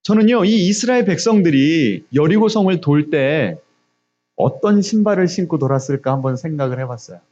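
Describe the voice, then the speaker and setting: A man's voice: on the high side, expressive, a little fast, mellow, lo-fi sound. A middle-aged man preaching a sermon as pastor, pressing the congregation with repeated questions and emphatic rises. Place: church sanctuary, also streamed on video call.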